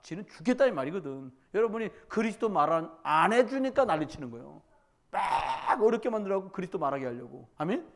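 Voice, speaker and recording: A male pastor preaching a midweek church sermon, swinging between loud exhortation and quiet storytelling, and often putting questions straight to the congregation. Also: high-pitched, big pitch swings, fast talker, gravelly. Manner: conversational, addresses congregation directly with questions.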